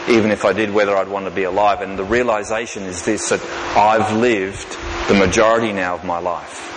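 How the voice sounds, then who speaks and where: A man, preaching a sermon in a folksy, self-deprecating way, slowing down to repeat key lines for emphasis. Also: on the low side, fairly even intonation. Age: 50s. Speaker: pastor. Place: large church hall. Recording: reverberant hall with background noise.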